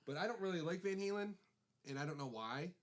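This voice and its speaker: A man's voice: high-pitched, animated, quick pace. A man co-hosting a casual podcast, speaking with blunt opinions, many hesitations and playful pushback. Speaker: podcast co-host. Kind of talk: casual chat.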